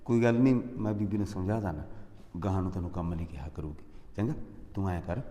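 A man's voice: low voice, quick pace, mellow, echoey room, big-room sound, close to an everyday voice. An actor playing a young husband and son who keeps coaxing and soothing his angry wife. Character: young husband, placating, caught between wife and mother.

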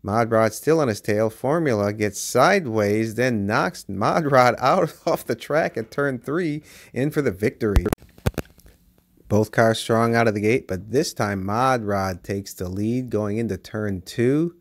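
A man with a fairly low voice calls diecast car races play by play, his voice rising at the close calls. The sound is dry and close, with little room echo. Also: unhurried. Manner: excitable play-by-play calling. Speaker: race commentator and channel host. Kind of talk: race commentary. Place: basement with toy race track.

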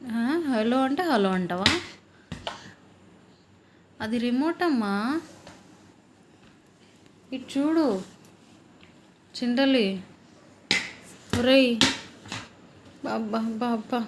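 A woman's voice: fairly high pitch, lively intonation, very slow, pauses often, slight background noise. A young mother, playfully coaxing and teasing her toddler at home at night in sing-song baby talk.

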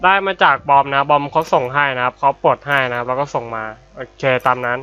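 Chatty gamer man, bright voice. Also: medium pitch, fast, clean tone. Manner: chatty, swears casually, frequent polite particles. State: slightly unwell voice. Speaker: gaming YouTuber. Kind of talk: casual game commentary. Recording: dull lo-fi audio with game music.

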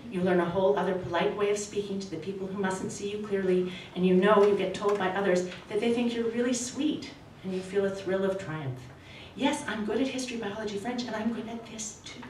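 This woman novelist, raised in Australia, Canada and the States, delivers a careful, expressive literary reading at a podium, then handles a casual Q&A with hesitations and self-corrections. Her voice is mid-range. Recorded via podium mic from a far camera in a small red-curtained indoor room, she sounds distant in a roomy hall, with faint hiss.

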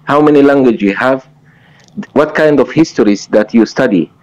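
A man from Egypt, an Arabic speaker, politely and apologetically asking questions in halting second-language speech. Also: mid-range voice, darkish tone. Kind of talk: casual questioning in discussion. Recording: dull lo-fi audio.

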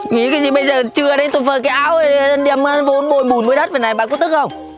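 A man, ranting and cursing loudly in a scripted comedy sketch. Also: extremely high pitch, steady tone, very fast, music in the background. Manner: loud indignant ranting, cursing.

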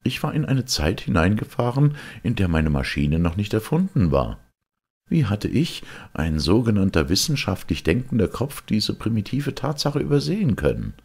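A man voicing an excitable, gloomy male time traveller in an audiobook, speaking with raised, urgent insistence. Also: fairly low pitch, moderate pace, vocal fry, breathy edge, voice pushed up, heavily acted. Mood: agitated. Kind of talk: audiobook character reading.

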